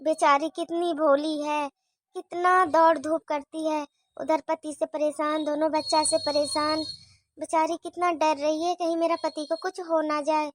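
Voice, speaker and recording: A woman's voice: sits high, little pitch movement, unhurried, no room sound, studio quality, voice pushed down. A woman voicing a kindly, bossy employer woman in a cartoon story, soothing and lightly scolding. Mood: pitying.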